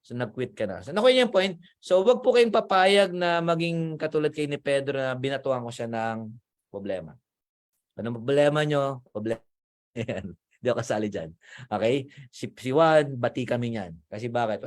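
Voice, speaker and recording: A man giving a motivational talk to a group as a financial mentor, animated and acting out little scenes in higher voices. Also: normal speed. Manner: animated, acts out gossiping voices at higher pitch.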